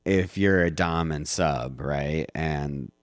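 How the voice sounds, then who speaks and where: A man's voice: very deep voice, slow pace, no room sound, clean studio sound. A man hosting a casual chat, rambling with many hesitant restarts and playful teasing. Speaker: podcast host.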